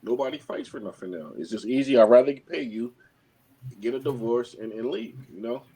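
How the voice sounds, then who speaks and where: A man talking as a guest in a casual podcast discussion, halting and often repeating words. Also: mid-range voice, expressive, warm tone, slightly rough, poor audio.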